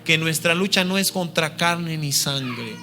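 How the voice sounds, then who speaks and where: Man, preacher, earnest storytelling sermon, slightly high voice, faint music behind. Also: a little slow, pushed and bright. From Peru. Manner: earnest, personal, frequent tag questions. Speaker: missionary preacher.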